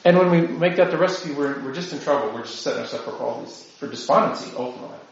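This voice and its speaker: A man's voice: a little high, rapid-fire, creaky. A man, a priest, giving a conversational talk to a group, often tossing in rhetorical "right?" asides. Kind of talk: informal lecture to a group. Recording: very echoey room, dull lo-fi sound.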